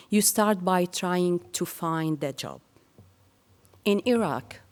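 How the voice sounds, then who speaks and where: A woman from Syria giving a prepared speech to an audience in measured, earnest phrases. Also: fairly low pitch, darkish tone, in a large hall. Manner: slow and measured, with earnest pauses. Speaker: speaker sharing her career story.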